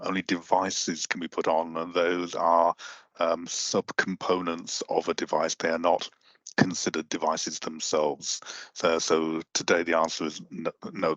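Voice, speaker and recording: Deep flat-voiced man answering tech questions. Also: no room sound, muffled recording. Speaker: technical expert. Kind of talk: technical Q&A answer.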